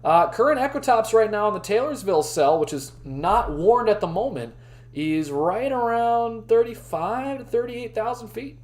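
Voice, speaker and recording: A man hosting a live weather briefing stream, chatting with his viewers while his voice is going hoarse. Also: high-pitched, lively intonation, moderate pace, a little mellow. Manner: chatty, talks to the live chat. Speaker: weather livestream host.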